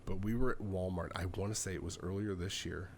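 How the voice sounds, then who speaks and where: A man co-hosts a podcast, trading casual banter and telling stories and news conversationally, acting out snippets of quoted dialogue. His voice is low and steady, fairly quick, with a little hiss or hum in the recording.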